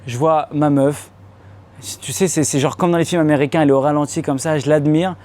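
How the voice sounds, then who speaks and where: A young man from France tells his stand-up story on a comedy club stage. He speaks in casual street slang, addresses the crowd directly, and breaks into loud, high-pitched voices when he acts out scenes. His voice sits a little high for a man. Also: steady tone, brisk. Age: young adult. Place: comedy club stage before a live audience.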